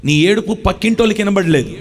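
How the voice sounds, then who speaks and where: A man's voice: sits high, fast talker. A male preacher, giving a fervent sermon with repeated phrases and calls for amen.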